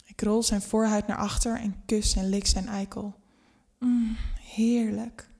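A woman narrates a scripted erotic story in the first person with a medium pitch and flat delivery. She sounds intimate and unhurried, at times dropping to a hush.

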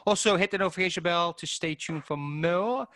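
A man with a Welsh accent co-hosting a film podcast, relaxed and a little hesitant. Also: high voice, a little fast, dry recording, clean studio sound. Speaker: podcast co-host. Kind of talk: casual film review chat.

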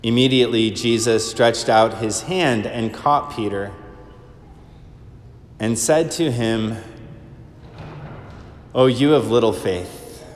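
A priest reading the gospel aloud in a slow, measured liturgical manner, his voice ringing with cathedral echo. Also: mid-range voice. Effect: cathedral echo, long church reverb. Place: large church. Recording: echoey church hall, long reverb.

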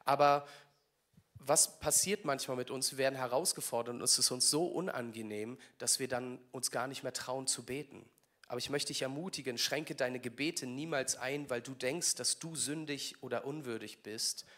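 A man delivers a sermon in a church livestream. His mid-pitched voice is earnest and encouraging, and he speaks directly to the people listening. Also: moderate pace, a bit bright. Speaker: preacher.

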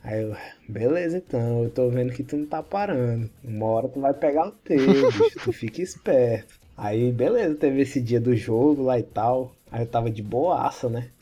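A man's voice: mid-range voice, expressive, moderate pace, mellow, soft background music. A young Brazilian man on a podcast, casually telling school stories with lots of slang and swearing, laughing as he goes. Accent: Brazilian Portuguese. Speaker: podcast co-host. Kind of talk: casual storytelling chat.

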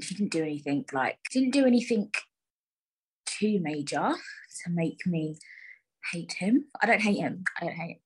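A woman's voice: deep voice, slightly rough, low-quality recording. A young woman hosting her own podcast in a chatty, joking, self-mocking way, often laughing as she talks. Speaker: podcast host. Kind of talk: casual solo podcast chat.

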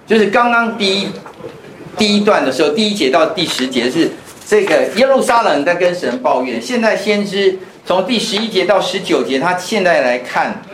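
A man with a high-sitting, fairly bright voice and lively intonation teaches at a moderate pace. He's a pastor running a chatty Bible lesson built around personal stories, recorded in an echoey church classroom with faint noise.

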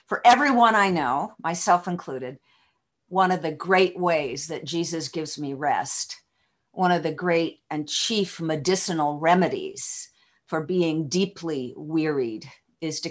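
A woman preaching a sermon over a video call, in a slow, reflective way with frequent fillers. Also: low-pitched.

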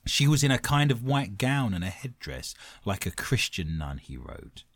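A man hosting a paranormal show, narrating ghost stories dramatically and dropping into hushed tones, with some banter. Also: fairly low pitch, big pitch swings, moderate pace, dry recording, studio quality. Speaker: host of a paranormal quiz show. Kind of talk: scripted ghost-story narration mixed with banter.

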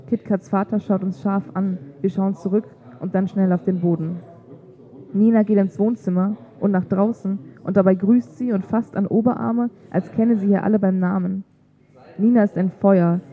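Calm and measured, a woman with a mid-range voice serves as narrator, reading a literary tale aloud; the audio has a tinny, telephone quality.

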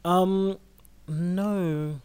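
A man's voice: sits high, fairly even intonation, drawn-out words, a little mellow, clear, resonant tone. A young man with a modern Received Pronunciation southern English accent, speaking in a well-spoken way in a casual podcast discussion. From southern England. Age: young adult. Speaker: medical student on a podcast.

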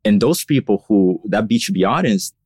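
A man's voice: on the low side, expressive, moderate pace, a little mellow, husky, no echo, clean studio sound. A man from Brazil, a guest on a podcast, talking casually and thoughtfully, with lots of "you know" and "like" in his answers. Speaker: podcast guest, marketing lead.

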